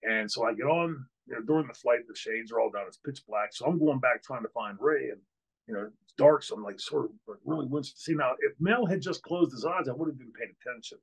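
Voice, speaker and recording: An older man with a husky, medium-pitched voice, a podcast host and former wrestler, tells a story a little fast during an interview. He's candid and outraged, using many fillers and restarts. He's indoors in a hotel room on a video call via webcam, and the recording is rough.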